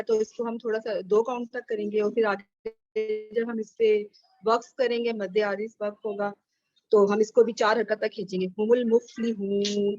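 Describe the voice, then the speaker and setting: A woman's voice: a little high, a little hiss or hum. A female student explaining recitation rules step by step to her teacher in an online class. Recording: dry, dull lo-fi online call audio.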